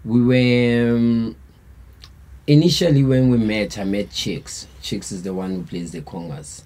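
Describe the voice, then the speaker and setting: A South African man with a medium-pitched, slightly mellow voice takes his time. He's in a band and spins a long, relaxed, rambling story studded with slang fillers as part of a casual storytelling interview.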